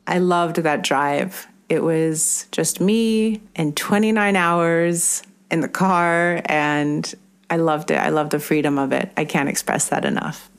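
A woman telling a personal road-trip memory in a calm, reflective way. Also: lowish voice. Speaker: storyteller. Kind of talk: personal storytelling.

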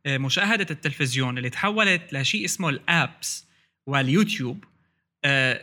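A man's voice: on the high side, bright, forceful tone. A man with a Levantine Arabic accent chatting casually about tech as a podcast host, mixing English terms into his Arabic.

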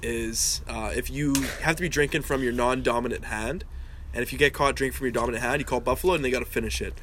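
A man's voice: medium pitch, steady tone, fairly bright tone, slight background noise. A man co-hosting a podcast, chiming in with reactions and explaining drinking game rules. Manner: chimes in with quick reactions and explanations. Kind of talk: casual chat.

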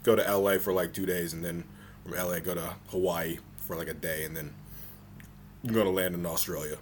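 A man co-hosting a podcast in casual banter, laid-back and deadpan, stubbornly brushing off his friends. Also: low-pitched, a little fast, a little hiss or hum. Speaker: podcast co-host.

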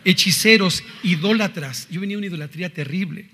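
A man's voice: high-pitched, fast, big-room sound. Mexican man giving an earnest testimony. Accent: Mexican Spanish. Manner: earnest, conversational, swings between quiet and emphatic. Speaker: speaker giving a personal testimony. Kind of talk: testimony talk.

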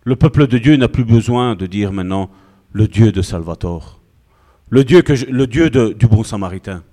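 A male pastor giving an animated, conversational sermon full of asides to the congregation. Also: on the low side, moderate pace.

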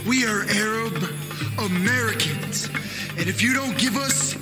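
A man's voice: high-pitched, unhurried, loud music behind the voice. A man cutting a defiant, menacing wrestling promo.

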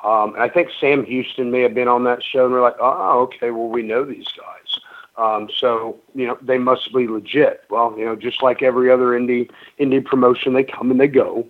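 A man's voice: medium pitch, little pitch movement, fairly quick. A middle-aged man telling wrestling stories in a casual radio interview, rambling with lots of ums and restarts. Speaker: guest, pro wrestler. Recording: narrow phone-like radio sound.

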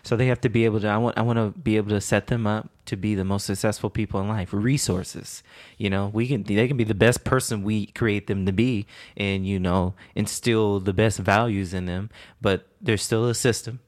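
A man in his twenties co-hosting a casual podcast with his partner, talking in quick runs with restarts. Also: fairly low pitch, fairly even intonation. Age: 20s. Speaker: podcast co-host. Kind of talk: casual couple's podcast chat.

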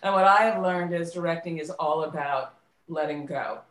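Her voice is low-pitched and a bit bright, at a normal speed, as this theater director and producer chats in an interview, emphasizing ideas through repetition. The sound is roomy and echoing.

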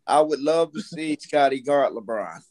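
An American man in his fifties, appearing as a podcast guest, tells stories in a casual conversation. His mid-range voice has a darkish tone and lively intonation at a normal speed. He's blunt and opinionated, repeating himself for emphasis.

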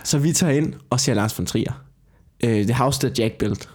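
A man's voice: medium pitch, a little mellow. A young man, co-hosting a casual podcast chat, swearing freely and telling stories with animation. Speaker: podcast co-host.

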